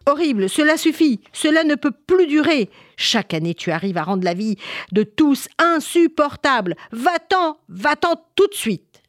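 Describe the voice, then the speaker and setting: A woman voicing a brave, angry king giving loud commands in a children's story. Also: mid-range voice, very animated, a little slow, pauses often, no room sound, studio quality, pitched above the performer's own voice. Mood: commanding.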